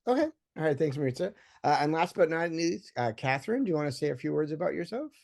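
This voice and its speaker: Relaxed man moderating a panel. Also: fairly high pitch, fast, gravelly. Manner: relaxed, conversational, with many fillers.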